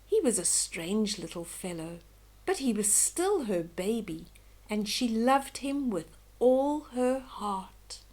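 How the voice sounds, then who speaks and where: An older woman reads a children's story aloud slowly and expressively, slipping in gentle, chatty asides to young listeners. Her voice sits a little high and swings widely in pitch.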